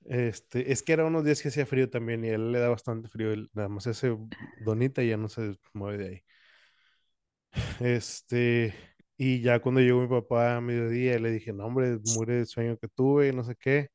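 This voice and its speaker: A man's voice: mid-range voice, steady tone, normal speed, darkish tone, clean tone, no echo, clean studio sound. A young man, co-hosting a podcast, rambling casually through a personal story and acting out his own cries. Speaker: podcast co-host.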